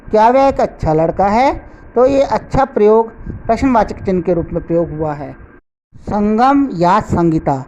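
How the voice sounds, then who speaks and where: Middle-aged woman teacher, grammar lesson, unhurried and deliberate, spells out each example, medium pitch. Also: warm tone, a little hiss or hum.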